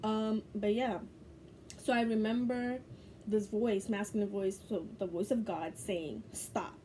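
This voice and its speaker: A woman's voice: medium pitch, steady tone, a little slow, mellow, a little hiss or hum. A young woman from Bangladesh, a spiritual teacher, telling a personal story to camera in a loose, profane, laughing way.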